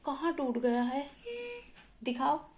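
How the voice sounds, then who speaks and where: A woman's voice: high voice, fairly even intonation, slow, a little mellow, a little hiss or hum. A mother in her thirties recording a casual home vlog, chattily recounting a family squabble to the camera. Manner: chatty, recounting a household scuffle with a laugh. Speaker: mother and vlogger. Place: home, indoors.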